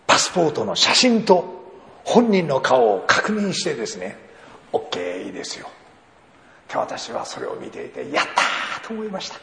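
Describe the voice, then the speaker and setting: Animated, gravelly Japanese-language preacher. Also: male voice, on the high side, normal speed, slight background noise. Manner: animated storyteller who acts out dialogue. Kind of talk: sermon with acted anecdotes. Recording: roomy hall reverb, faint ambience.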